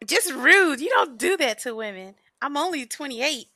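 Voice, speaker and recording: A woman's voice: sits high, animated, normal speed, sharp tone, no room sound, clean studio sound. A woman around thirty, a podcast guest in casual chat who laughs often and pokes fun at herself. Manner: laughs often, chatty and self-mocking.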